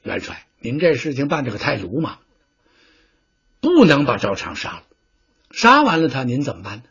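A male storyteller voicing a cautious male strategist who speaks in a low, hushed, coaxing way, with a husky voice. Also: huge pitch swings, normal speed, full character voice. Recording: dull lo-fi recording.

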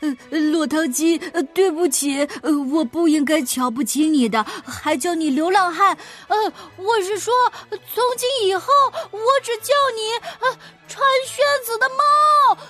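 Brief: jittery stuttering little rooster, high voice, a woman putting it on. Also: moderate pace, hardly any pauses, faint music behind, close to an everyday voice. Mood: sheepish. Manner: stammering, nervous.

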